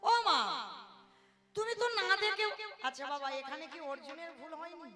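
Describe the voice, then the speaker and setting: A woman kirtan singer narrating a devotional tale and addressing her listeners directly in an animated way. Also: very high voice, moderate pace, over music. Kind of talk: devotional sung storytelling with sermon. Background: harmonium and tabla.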